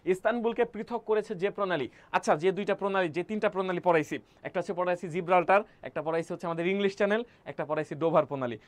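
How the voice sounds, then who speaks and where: Brief: high-pitched male coaching teacher, jokey and repetitive, keeps quizzing students. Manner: playful, repeats key words and quizzes students. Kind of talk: admission test coaching lecture.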